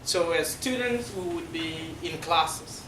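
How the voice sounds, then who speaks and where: A middle-aged South Sudanese man, a Dinka speaker, explains things to a class in a halting way, often pausing with fillers. His voice sits a little high for a man. The recording comes from a distance in an echoey room with a noisy background. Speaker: guest speaker. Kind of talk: classroom presentation.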